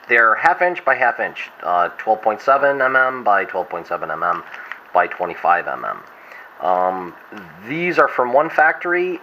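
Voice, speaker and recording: A hungover man giving a casual, unscripted show-and-tell as a vlogger, rambling and trailing off mid-thought. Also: lowish voice. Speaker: hobbyist vlogger. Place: inside a wooden boat. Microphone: camera glasses worn on the head. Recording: dull lo-fi sound with faint noise.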